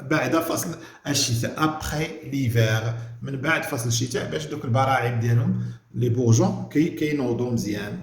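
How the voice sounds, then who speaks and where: A man with a Moroccan accent teaching a French lesson in Moroccan Arabic. He slows down on French words and keeps checking that the class understands. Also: mid-range voice, echoey room. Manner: slows down to spell out French words, asks "clear?" often.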